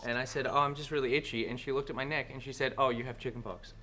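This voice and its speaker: A man's voice: medium pitch, steady tone, quick pace, bright, forceful tone. A young man co-hosting a gaming show, teasing his friend and telling stories as they play. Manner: chatty, teasing, tells stories. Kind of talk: casual let's-play banter. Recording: game music behind.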